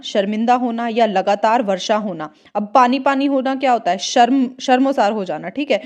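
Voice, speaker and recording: Higher-voiced woman teaching grammar. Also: a little mellow. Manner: explains step by step, repeats words slowly while writing. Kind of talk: exam-prep grammar lesson.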